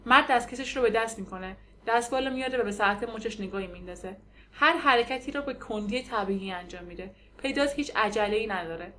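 A woman narrating an audiobook in a measured, descriptive way. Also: mid-range voice, sharp tone, slight background noise. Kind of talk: scripted narration.

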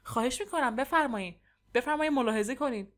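A pompous, portly landlord, as a woman reading a story puts him on, formal and self-important in every polite phrase. His voice sits a little lower than her narration, said with measured dignity in a storybook reading. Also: fairly bright tone.

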